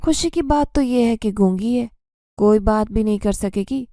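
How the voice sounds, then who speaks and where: A woman's voice: fairly high pitch, mellow, no echo, studio quality, natural voice. A woman voicing a scheming middle-aged orphanage keeper, sly and gloating.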